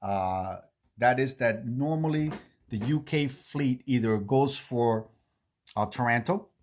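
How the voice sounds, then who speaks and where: A man hosting a board-game series, giving a casual recap in a halting way, repeating himself and checking in with "okay". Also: mid-range voice, slight background noise. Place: indoor home game room he calls the bunker.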